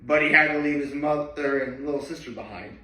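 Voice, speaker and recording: A man's voice: on the high side, fairly quick, bright, forceful tone. A man chatting casually about a movie he loves, rambling with lots of fillers and rising enthusiasm. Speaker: vlogger. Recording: echoey room, voice from a distance.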